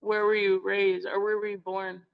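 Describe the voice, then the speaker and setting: A young woman hosting a podcast, chatty and effusive, full of fillers and warm praise for her guest. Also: medium pitch, level tone, moderate pace, creaky, clean tone, lo-fi sound. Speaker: podcast host. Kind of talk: casual podcast interview.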